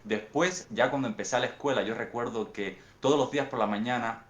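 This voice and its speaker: A young Cuban man with a Cuban accent, answering interview questions in a thoughtful, unhurried storytelling way, often restarting his phrases. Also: medium pitch, roomy sound. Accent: Cuban Spanish. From Cuba. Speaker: guest author.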